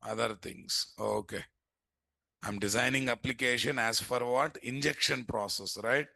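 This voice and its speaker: A man's voice: mid-range voice, unhurried, vocal fry, bright, forceful tone, no echo. A man with an Indian accent giving a live coding lesson as an instructor, often throwing in rhetorical questions. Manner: asks rhetorical questions, often repeating "what". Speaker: programming instructor. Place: indoors at a computer.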